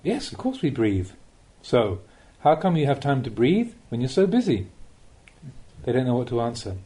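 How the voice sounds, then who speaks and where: In a warm, sing-song voice of medium pitch, a male Buddhist monk narrates a scripted spiritual lesson for an audiobook. He phrases things slowly and deliberately, often asking rhetorical questions.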